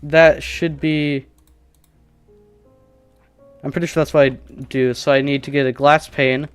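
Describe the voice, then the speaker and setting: A man's voice: on the high side, flat delivery, measured pace, clean tone, dry recording, faint music behind. A man streaming a survival game, casually thinking aloud and joking at his own expense while he plays. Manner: rambling, self-deprecating, thinking aloud.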